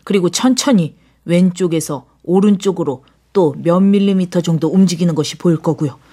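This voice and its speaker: The Persian, a woman playing a hushed mysterious man. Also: breathy edge. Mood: explaining. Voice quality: low, hushed, measured. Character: mysterious calm older foreign man. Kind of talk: audiobook drama dialogue.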